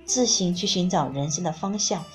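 A woman narrating a book in the first person, reading in a calm, measured way. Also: lowish voice, soft background music. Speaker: audiobook reader.

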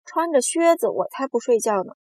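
A woman voicing a boastful, cheeky male giant centipede in a storybook reading, bragging and teasing loudly. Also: mid-range voice, lively intonation, moderate pace, gravelly, husky, no room sound.

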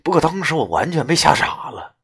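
A man telling a live horror-comedy story, dramatic and swinging between hushed and loud. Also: fairly high pitch, very animated, a little fast, gravelly, husky.

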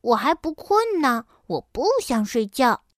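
A woman voicing a playful, curious little bear cub in a high, childlike, excited voice. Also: a little slow, no room sound, clean studio sound. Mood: whiny.

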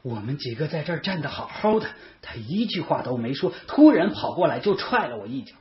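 A man voicing a teenage schoolboy defending himself in a quick, indignant way. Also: on the high side, very animated, roomy sound. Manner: indignant, hurried. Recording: dull lo-fi audio.

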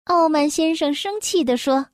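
A woman reading a children's storybook aloud, slow and expressive. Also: sits high, dry recording, clean studio sound.

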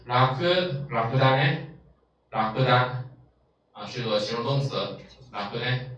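A man's voice: medium pitch, recorded from a distance, dull audio. Man teaching in an echoey room. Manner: lively, drawn-out explanations with many fillers. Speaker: Japanese vocabulary teacher. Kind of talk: explaining a language lesson.

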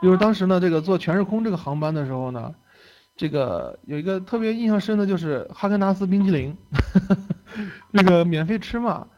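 A man's voice: high-pitched, lively intonation, brisk, a little mellow, muffled recording. A young man giving a lecture in a casual storytelling way. He talks in a chatty manner, laughs often and tags his phrases with "OK" and "right?". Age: young adult.

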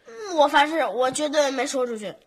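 A woman's voice: high voice, very animated, a little hiss or hum. A giggly young boy. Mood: evasive. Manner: giggly, playful, quick to dodge.

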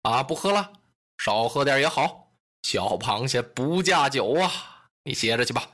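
A man voicing a pompous, incompetent middle-aged warlord who talks down to others in a slow, haughty drawl. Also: medium pitch, lively intonation, a bit bright, pitched below the performer's own voice. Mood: dismissive.

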